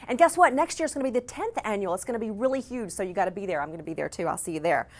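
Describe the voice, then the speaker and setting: A woman's voice: medium pitch, animated, rapid-fire. A woman hosting a show, introducing segments in an upbeat presenter style. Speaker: show host.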